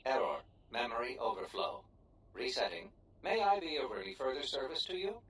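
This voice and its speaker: A broken, glitching service droid. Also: male voice, medium pitch, sing-song, a bit bright, slight background noise. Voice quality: halting, stiff, formal. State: malfunctioning, memory errors, broken casing. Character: damaged glitching male service droid, polite. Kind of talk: video game voice acting. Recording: distant game audio with clear music.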